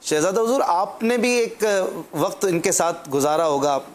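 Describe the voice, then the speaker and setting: A man leads a respectful religious interview, his voice sitting a little high. He asks gentle, probing questions and keeps the guest going with short affirmations. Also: expressive, a little slow.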